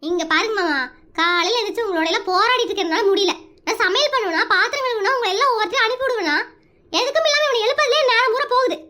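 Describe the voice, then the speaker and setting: Someone voicing a shrill nagging cartoon mother. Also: rapid-fire. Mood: scolding. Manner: nagging, yelling threats. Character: scolding frazzled young mother, shrill temper. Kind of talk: Tamil cartoon comedy dub.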